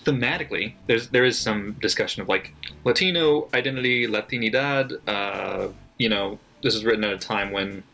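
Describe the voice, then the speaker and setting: A male book vlogger casually reads his margin notes aloud, loose and chatty with many fillers and frequent swearing, sardonic and critical as he laughs at his own remarks. His voice is fairly low and sharp at a moderate pace, though the audio is poor. Faint music plays in the background.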